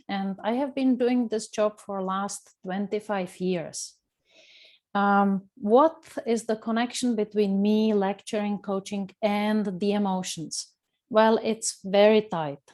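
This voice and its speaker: A woman's voice: medium pitch, measured pace, a little mellow. Earnest Czech-accented woman coach. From Czech Republic. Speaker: coach and lecturer. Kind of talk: webinar talk. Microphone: video call.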